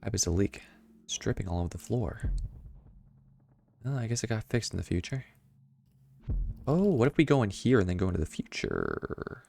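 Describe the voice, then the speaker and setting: A man streaming a video game, reading clues aloud and making wry, deadpan quips. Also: fairly low pitch, moderate pace, creaky, pauses often, slight background noise. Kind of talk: casual gameplay commentary.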